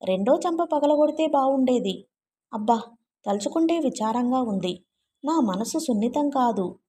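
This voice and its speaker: A man's voice: very high-pitched, animated, normal speed, dark tone. A woman reading a brash young man's long rambling, self-mocking speech in a storybook. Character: rambling male friend, brash and wry.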